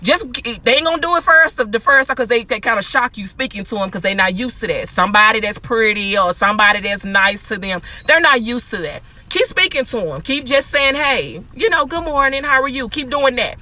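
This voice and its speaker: A woman in casual spoken advice, chatty and animated, acting out quotes. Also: fairly high pitch, fairly quick, hardly any pauses. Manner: chatty, animated, laughs often, acts out quotes. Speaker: host.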